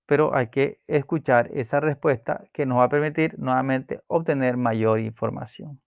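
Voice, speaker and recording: A man calmly explaining a self-help book chapter, pausing with fillers and restarting words as he goes. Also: mid-range voice, vocal fry, no echo, highs cut off. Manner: calm, explanatory, with hesitations and repeated words.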